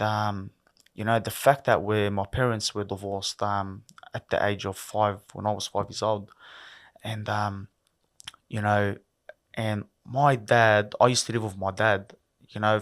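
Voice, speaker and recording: Earnest low-voiced man from Lebanon. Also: fairly bright tone. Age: around 30. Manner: earnest, reflective, leans on "you know". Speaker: podcast guest, barber. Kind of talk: candid interview talk.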